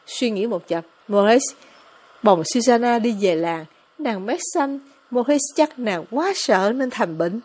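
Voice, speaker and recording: A woman reading a novel aloud as an audiobook narrator, in steady storytelling narration. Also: on the high side, slightly rough. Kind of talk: scripted narration.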